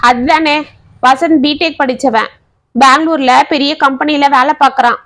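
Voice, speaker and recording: A woman's voice: high voice, steady tone, moderate pace, fairly bright tone. A woman voicing a haughty, scornful middle-aged mother. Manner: scornful, complaining.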